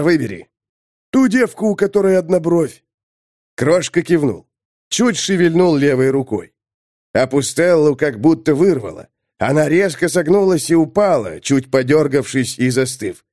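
A man's voice: medium pitch, no echo. Man narrating an audiobook, dry sound. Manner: expressive, theatrical storytelling.

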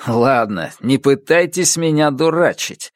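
Male reader doing a skeptical Russian astronomer, insistent, lively intonation. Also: mid-range voice, normal speed, dry recording, clean studio sound. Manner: pressing questions, skeptical.

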